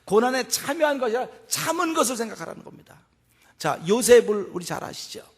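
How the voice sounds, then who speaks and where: A male pastor preaching a sermon, animated, swinging between loud exclamations and hushed asides. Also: very high-pitched, fast, slightly rough. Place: church sanctuary. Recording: long church hall reverb.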